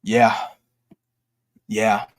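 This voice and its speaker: In a very slow, completely flat delivery, this livestream host talks games informally, pushing strong opinions and dropping words like "dude" and "bro." His pitch is fairly low. The sound is studio quality with no echo.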